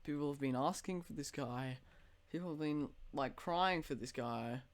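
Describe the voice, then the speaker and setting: A teenage boy hosting a casual podcast chat, excitable and swearing casually. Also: fairly high pitch, moderate pace. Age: teens. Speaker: podcast host.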